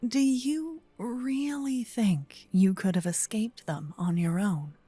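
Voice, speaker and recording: Here a woman portrays a tender yet possessive vampire kidnapper and self-styled protector for an ASMR roleplay, her soft, breathy voice often dropping to a whisper right at a binaural mic that moves from ear to ear. The medium-pitched delivery has no room sound and feels chiding and intense, slow and intimate, earnest and full of dramatic pauses.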